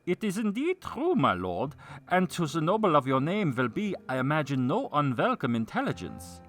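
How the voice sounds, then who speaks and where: A man's voice: fairly high pitch, wildly swooping pitch, normal speed, a bit bright, pitched above the performer's own voice. A man voicing a servile vassal bringing grim news in a gothic tale, in a hammy, theatrical stage manner. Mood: excited, deferential. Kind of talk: dramatic reading of gothic tale.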